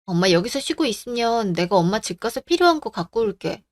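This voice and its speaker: A woman's voice: fairly high pitch, sing-song, fairly quick. A woman playing a caring grown daughter in a radio drama, insistent and worried about her mother. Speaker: daughter and wife.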